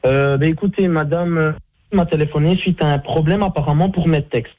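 A man's voice: on the high side, brisk, dry recording. A man with a Belgian French accent on a phone call, polite and hesitant, with many fillers. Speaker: prank call victim, amateur rapper. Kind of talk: phone conversation. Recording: muffled phone line.

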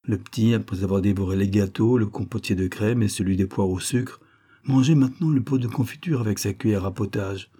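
A man reading a classic short story aloud as an audiobook narrator, in measured, expressive storytelling. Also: fairly low pitch, breathy edge. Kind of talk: scripted narration.

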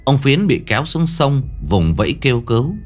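A man's voice: mid-range voice, very animated, normal speed, faint music behind. A man narrating a ghost story dramatically, lingering on eerie details.

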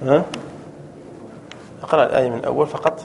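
A man, a sheikh teaching a classroom grammar lesson, quizzing his students and drawing out examples slowly. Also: mid-range voice, fairly even intonation, creaky, a little mellow, a little hiss or hum.

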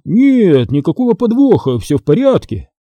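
A man's voice: high-pitched, big pitch swings, moderate pace, no room sound, highs cut off, voice pushed up, full character voice. A man doing a nervous older car seller. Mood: uneasy.

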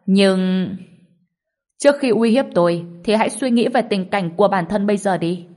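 A woman voicing a desperate young male heir who pleads loudly. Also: medium pitch, moderate pace, lightly acted. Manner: pleading, loud.

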